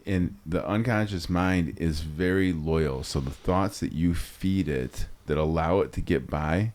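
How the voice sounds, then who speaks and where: A man's voice: sits low, unhurried, a little mellow. A man co-hosting a discussion podcast, explaining ideas in a coaching way. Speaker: podcast co-host. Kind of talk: casual discussion.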